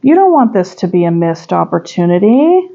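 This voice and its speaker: A woman's voice: on the low side, very animated, normal speed, gravelly, dark tone, highs cut off. A woman giving a pick-a-pile tarot reading, musing and chatty with sudden emphatic bursts. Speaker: tarot reader.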